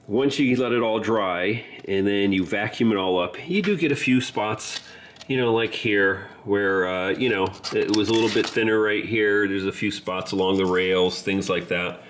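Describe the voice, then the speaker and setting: A low-pitched man with a flu-clogged voice, from Southern California, casually rambles through a hobby vlog while tinkering with his model railroad at home, leaning on fillers. A little hiss or hum sits in the background.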